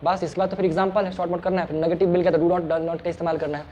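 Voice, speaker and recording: A man's voice: high-pitched, flat delivery, very fast, a little mellow, highs cut off, slight background noise. A man teaching English grammar informally in a small classroom, chatty and joking, often repeating his words. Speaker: English tutor.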